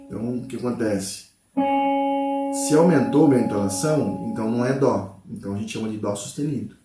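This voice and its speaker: Speaking fairly quickly at medium pitch, a guitar teacher walks the viewer through a relaxed lesson in a room with noticeable space to the sound. He says the note names while playing and checks in over and over with "tá?" and "né?", patient throughout.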